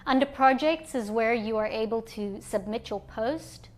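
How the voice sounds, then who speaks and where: A woman with a slightly high voice, from Zimbabwe, presenting an online platform. She explains each screen calmly and in order, as a guided walkthrough for new users. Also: normal speed. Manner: calm step-by-step explaining.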